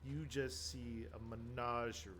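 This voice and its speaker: A man's voice: mid-range voice, little pitch movement, a bit bright, a little hiss or hum. Casual man running a tabletop game. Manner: casual, halting, searches for words. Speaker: game master.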